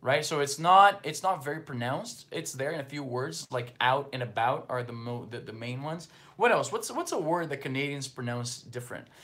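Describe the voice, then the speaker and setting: A Brazilian-born man from northeastern Brazil, whose first language is Portuguese, hosts a casual livestream with a slight Brazilian Portuguese accent. His mid-range voice is a bit bright and moves at normal speed with hardly any pauses. He chats loosely and reads viewer comments in a rambling, filler-heavy, conversational way.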